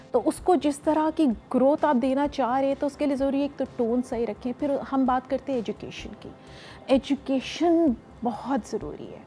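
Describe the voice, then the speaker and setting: A woman psychologist with a Pakistani accent, explaining in a measured way and mixing English phrases into her Urdu, on a TV morning show. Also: high voice, mellow. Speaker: psychologist guest. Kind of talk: studio interview. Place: TV studio.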